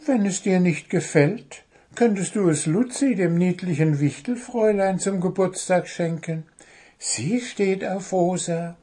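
A man voicing a small, cheeky, excitable blue bird in a storybook reading, in a high chirpy voice. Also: unhurried, breathy edge.

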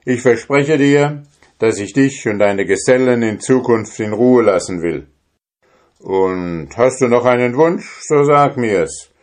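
A man doing a booming, gruff giant. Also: lively intonation, slow pace. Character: huge sleepy giant, gruff and boastful.

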